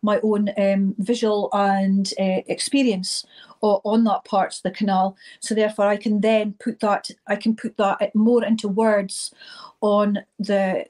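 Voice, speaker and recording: A middle-aged or older woman with a Highland Scottish accent, speaking informally as an interview guest, often repeating words as she goes. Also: little pitch movement, darkish tone. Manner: halting, repeats words and phrases. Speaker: interview guest, event organiser.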